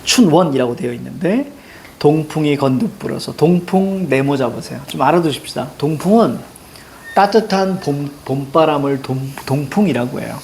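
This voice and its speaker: A man's voice: on the high side, lively intonation, moderate pace, vocal fry, a little mellow, slight background noise. A middle-aged man teaching a class on classical poetry, chatting with students and acting out anecdotes with a raised voice. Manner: chatty, tells stories and acts out quotes with a raised voice.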